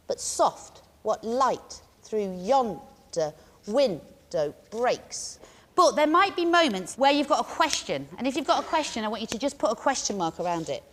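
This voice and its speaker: A woman leading students through a lively drama exercise, encouraging them and chanting rhythms aloud. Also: fairly high pitch, in a large hall. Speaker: workshop leader.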